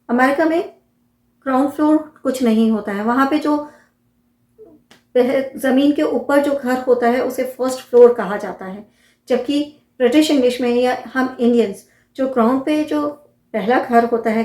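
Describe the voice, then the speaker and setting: A woman's voice: high-pitched, darkish tone, reverberant. A woman with an Indian accent explains English words in casual Hindi, repeating each term and asking the listener questions. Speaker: English vocabulary teacher.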